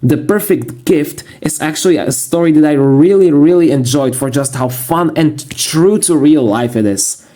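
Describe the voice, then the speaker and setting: A man narrating a casual video review in a monotone, matter-of-fact way. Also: a little high, normal speed. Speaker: YouTube reviewer.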